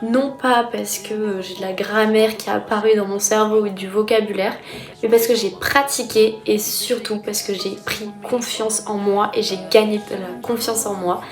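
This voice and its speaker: A woman's voice: mid-range voice, steady tone, normal speed, echoey room, soft background music. A young woman from France, a student vlogger, chatting with enthusiasm in a casual vlog. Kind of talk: casual vlog talk to camera.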